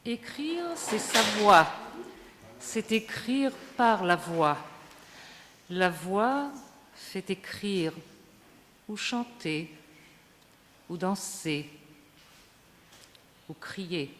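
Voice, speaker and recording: A woman at a conference reading her prepared text aloud in a slow, measured, lyrical way, a little back from the microphone. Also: mid-range voice, animated, fairly bright tone. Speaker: conference speaker. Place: large conference hall. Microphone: microphone at a distance. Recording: reverberant hall, faint hiss.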